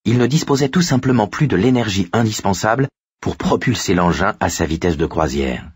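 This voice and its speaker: Low husky guy reading an audiobook, dry close sound. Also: a little fast, dry recording. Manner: steady storytelling. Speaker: audiobook narrator. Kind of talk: scripted narration.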